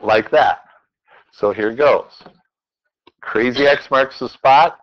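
A man's voice: medium pitch, takes it slowly, lo-fi sound. A man teaching a math class in a classroom, working examples aloud and playfully quizzing his students as he goes. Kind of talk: classroom lecture.

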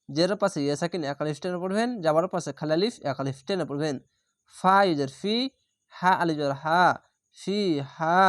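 A man teaching Quran reading, spelling each word letter by letter and vowel by vowel, then reciting the whole word in a slow, drawn-out way. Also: on the high side, no room sound, studio quality.

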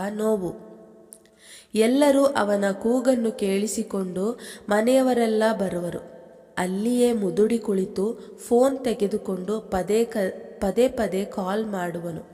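Slow woman storyteller with long reverb. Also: medium pitch. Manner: slow, steady reading. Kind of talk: scripted story narration.

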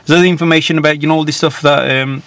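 A man's voice: a little high, fairly even intonation, racing, a bit bright, no echo. A man in his thirties working as a driving instructor, talking a learner through steps and often checking with a "yeah?". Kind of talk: instructing a learner, conversational question and answer. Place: inside a parked car. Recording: noticeable car-cabin background noise.

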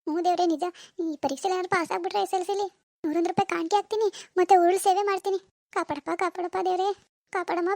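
A woman's voice: extremely high pitch, darkish tone, no room sound, studio quality. A woman voicing an anxious teenage village girl in a cartoon, pleading in a rural Karnataka Kannada accent. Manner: pleading, repetitive, dramatic. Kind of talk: cartoon voice acting.

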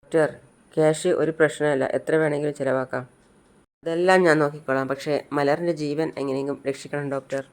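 An earnest, protective guardian pressing anxiously about a sick child, as a man puts him on. The tone is gravelly and even. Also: on the high side, brisk, close to an everyday voice. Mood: insistent.

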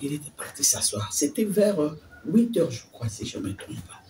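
A woman tells her personal faith testimony as an interview guest, acting out the words of others as she goes. Her pitch swings widely and expressively. She sits some way from the mic, with a faint hiss of noise behind her. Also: moderate pace, far from the mic. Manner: animated storytelling, acting out quoted speech.

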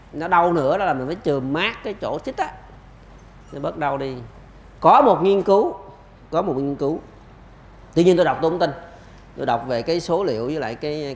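Animated male lecturer in echoey room. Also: fairly high pitch, a little hiss or hum. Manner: animated, emphatic, rhetorical questions. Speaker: pediatrics lecturer. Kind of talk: lecture answering questions.

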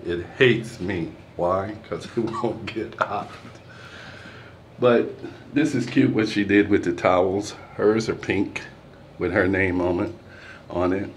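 He speaks slowly in a deep voice with fairly even intonation, rambling casually with fillers while walking through his two-story house and out onto a balcony. The handheld phone camera picks up a little hiss or hum.

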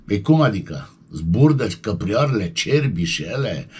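A man giving animated showbiz gossip commentary, colloquial and excitable, with yelping interjections. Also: on the low side, slightly rough.

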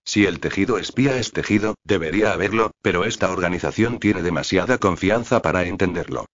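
An audiobook narrator with a low male voice keeps a steady, slightly fast pace and reads with restrained expression. The recording comes across as muffled and lo-fi, its upper frequencies seemingly removed.

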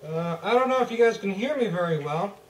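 A man's voice: high voice, expressive, a little fast. A man giving a casual product review while talking through a gas mask, his voice muffled. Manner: muffled, loose and chatty, addressing viewers. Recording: roomy echo, distant from the mic.

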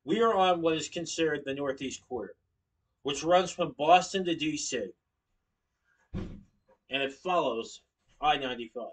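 A young man from Connecticut, USA, stands in his living room giving an informative speech for class, gesturing and sometimes going back to correct himself. His voice sits a little high, moving at a measured pace with long pauses. Because the webcam is across the room, he sounds distant.

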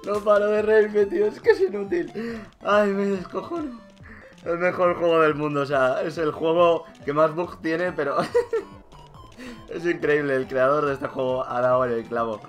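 A young man with a Spain Spanish accent, giggling and shouting through a gaming commentary, laughing at nearly everything. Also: fairly high pitch, steady tone, moderate pace, faint music behind. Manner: laughing constantly, loud exclamations, swearing. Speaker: gaming YouTuber. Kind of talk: let's play commentary.

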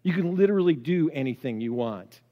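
Animated preacher in a reverberant church. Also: male voice, a little high, fairly quick, phone-quality sound. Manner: animated, conversational preaching with frequent restarts. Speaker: pastor. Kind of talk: sermon. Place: church sanctuary. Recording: long church hall reverb.

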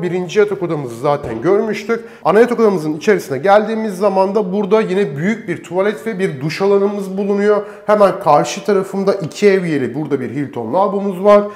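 A man's voice: high-pitched, darkish tone. A man presenting a property tour as an agent, walking through empty tiled rooms. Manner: walks and gestures while presenting. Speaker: real estate agent presenting a villa tour. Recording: echoey empty house interior.

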